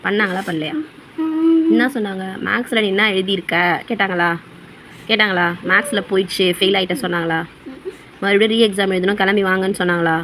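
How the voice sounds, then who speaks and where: A woman in her thirties, a mother, scolding her children with rapid repeated questions during a casual home prank video. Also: mid-range voice, steady tone, a bit bright, slight background noise.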